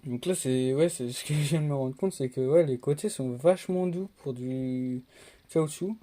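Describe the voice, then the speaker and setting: A man's voice: mid-range voice, normal speed, mellow. Rambling young man unboxing on camera. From France. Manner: rambling, full of fillers and restarts. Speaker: tech unboxing vlogger. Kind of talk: casual unboxing vlog.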